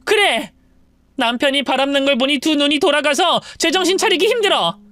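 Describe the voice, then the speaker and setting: Woman doing a furious wronged wife, higher voice, animated. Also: brisk, no room sound. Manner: indignant, pleading.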